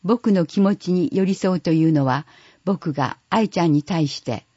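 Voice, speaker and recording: A reader calmly working through an audio newsletter at a measured, even pace. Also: mid-range voice, no room sound. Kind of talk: read-aloud audio newsletter. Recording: dull lo-fi recording, dry.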